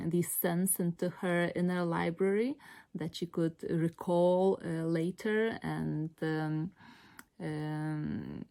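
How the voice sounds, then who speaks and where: A woman from Lithuania with a Lithuanian accent, talking unscripted to viewers as a vlog host, hesitant and often pausing to search for words. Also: lowish voice, gravelly, mellow. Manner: hesitant, halting, with long searching pauses. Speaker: video host. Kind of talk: unscripted explanatory vlog talk.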